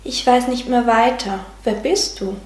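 A woman's voice: fairly high pitch, unhurried, lightly acted. A woman voicing a lost, unhappy woman. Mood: uncertain. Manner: hesitant, questioning. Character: unhappy, lost grown woman seeking help. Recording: roomy sound with faint music.

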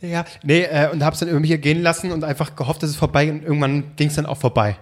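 A man's voice: fairly high pitch, fairly even intonation, fast. A young man telling a story in casual chat, rambling and hesitant, often breaking into laughter.

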